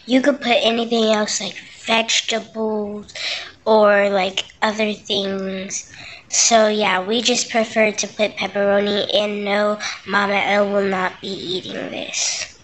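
A woman's voice: mid-range voice, little pitch movement, slow pace, fairly bright tone, rough recording. A woman giving casual recipe instructions as a vlog voice-over, loose and conversational with filler words.

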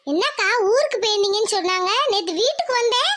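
Someone voicing a pleading mother, very high. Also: lively intonation, fast talker, background noise. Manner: anxious, pleading. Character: middle-aged village mother, pleading. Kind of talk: cartoon voice acting.

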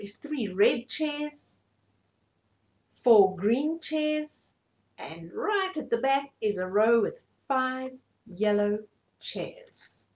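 In a small furnished indoor room, a middle-aged woman reads a children's bedtime story aloud for little ones, explaining it with expression as storytime host. Her voice is a little high, with a darkish tone.

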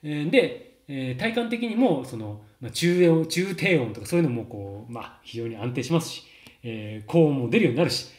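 A man's voice: mid-range voice, animated, moderate pace. A man in his thirties, a voice coach explaining in a casual, chatty lesson with many fillers and laughs. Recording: roomy echo.

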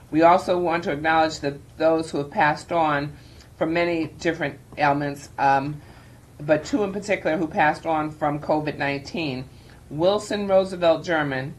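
An older woman chairing a county planning board meeting, reading formal opening remarks at a measured pace with frequent ums from a boardroom desk microphone. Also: sits low. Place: government boardroom, indoors.

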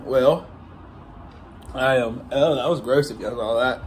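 A man's voice: medium pitch, unhurried. A man in his twenties chatting casually to the camera as a vlogger. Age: 20s. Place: small hotel-like bedroom, indoors. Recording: faintly noisy room recording.

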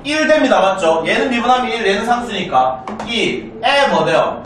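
A male math teacher from South Korea lectures in a very high-pitched, fairly bright voice with big pitch swings. Brisk and chatty, he keeps asking students whether they follow. The mic is far off in a roomy classroom, adding a slight hiss or hum.

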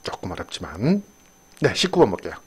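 A man's voice: lowish voice, big pitch swings, a little fast, husky. An older man giving a chatty exam-prep English lesson, drifting into personal asides. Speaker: English teacher.

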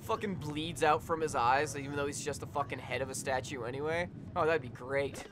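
A young man giving casual, profane gameplay commentary, getting excitable and swearing often as he plays. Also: a little high, brisk, slight background noise. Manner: excitable, swears a lot, yells at the game. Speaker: let's play gamer.

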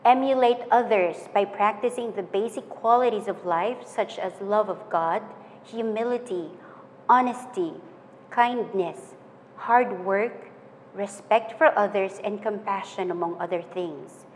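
Young woman, commencement speaker, earnest and measured, lapel mic in a reverberant room. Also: mid-range voice. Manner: measured, earnest, list-like delivery. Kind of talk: formal graduation speech. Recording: hall reverb with faint noise.

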